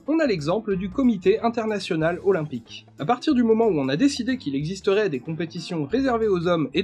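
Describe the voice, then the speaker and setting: A man narrating a scripted educational video in a steady explanatory way, sometimes posing rhetorical questions. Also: high-pitched.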